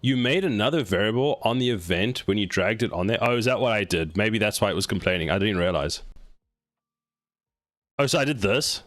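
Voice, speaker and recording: A man's voice: on the low side, expressive, fairly quick, a bit bright, no echo, studio quality. A man streaming game development, chatting casually and playfully scolding his code as if it were alive. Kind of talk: casual live-stream chat while coding.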